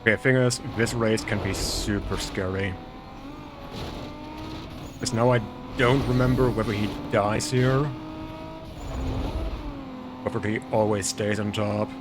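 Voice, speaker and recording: Here a German man with a fairly low voice and light accent talks a little slowly, leaving long pauses, as he streams a racing game. He's laid-back and chatty, saying hello and thanks to viewers. The game's engine and traffic noise is prominent.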